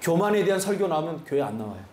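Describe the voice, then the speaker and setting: A male pastor giving an animated sermon full of rhetorical questions to his congregation. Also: fairly high pitch, very fast, reverberant, slight background noise. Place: church sanctuary.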